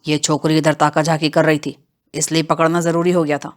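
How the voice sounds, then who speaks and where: Woman reader doing a mocking bandit chief, lowered rough voice, rustic and boastful, for an audio novel. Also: level tone, natural voice. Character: swaggering male bandit, bearded, menacing.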